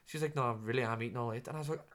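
Derry man, rapid and rambling, swears a lot, casual podcast banter. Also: mid-range voice, fairly bright tone. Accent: Derry, Northern Irish. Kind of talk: casual chat, storytelling.

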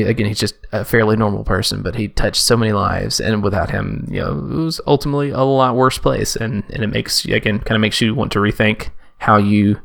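Male podcast co-host, gravelly low voice, casual rambling chat full of restarts. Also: fairly bright tone. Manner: rambling, halting, many restarts.

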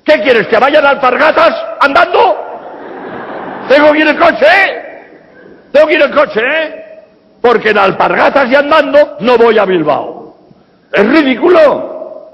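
A man's voice: very high-pitched, creaky. A man from Spain with a Spanish accent, a priest answering audience questions bluntly with rhetorical questions. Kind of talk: public lecture Q&A. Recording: reverberant hall, dull lo-fi sound.

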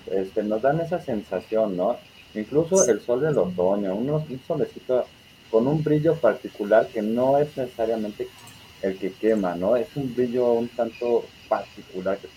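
A man's voice: on the low side, warm tone, muffled recording, slight background noise. A man, talking reflectively about a poem with many tag questions, then reciting it. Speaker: participant reading a poem. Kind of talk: casual literary discussion and poem recital.

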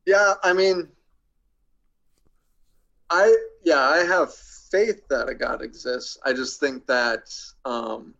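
A young man as a podcast guest, deadpan with crude jokes and hesitant with many ums. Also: mid-range voice, takes it slowly, gravelly, pauses often, lo-fi sound. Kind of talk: casual interview chat.

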